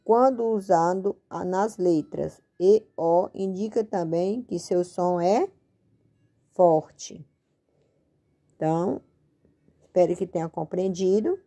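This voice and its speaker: Slow, patient Brazilian woman teaching. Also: lowish voice, dark tone. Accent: Brazilian Portuguese. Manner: patient, spells and stretches words. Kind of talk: slow spoken-out lesson at a board.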